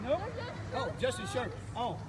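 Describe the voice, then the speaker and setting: A man's voice: very high-pitched, expressive, normal speed, some chatter behind. A man, a counter-protester arguing outdoors at a street protest, scoffing and dismissive. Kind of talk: heated street argument.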